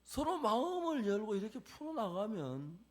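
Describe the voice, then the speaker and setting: A man preaching a chapel sermon, acting out quoted dialogue with animated delivery. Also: sits high, moderate pace.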